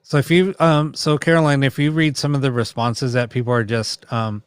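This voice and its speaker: Man, live stream host, casual explanatory chat, rambling and informal, clear smooth voice, dry sound. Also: medium pitch, fairly even intonation, normal speed, dry recording. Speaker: host of a ghost box session live stream.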